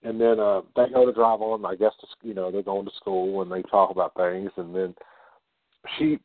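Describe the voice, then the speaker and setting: Casual podcast co-host, low-ish male voice, rambling recap, dry thin phone-quality audio. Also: level tone, normal speed, no echo. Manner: rambling retelling with many fillers and quoted lines. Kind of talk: casual movie recap chat. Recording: dry tinny phone-like sound.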